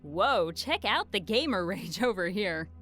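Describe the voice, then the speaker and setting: A woman's voice: medium pitch, very animated, a little slow, fairly bright tone, soft background music. A woman voicing a theatrical, mock-sweet and sadistic female hologram AI game show host in a video game. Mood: mocking, teasing.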